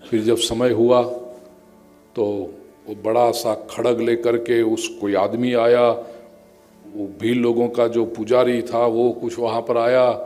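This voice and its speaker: A male spiritual storyteller recounts a parable to a gathering, his voice at an ordinary middle pitch. He grows animated and acts out the characters' cries in a raised voice. Soft music plays faintly underneath. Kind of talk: devotional story sermon. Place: large outdoor or hall religious gathering.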